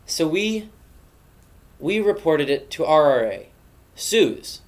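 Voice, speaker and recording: A young adult man hosts a mock safety video in a dorm room, giving solemn, preachy advice in earnest scripted narration. His voice is on the high side, very animated and slow. The room sounds echoey.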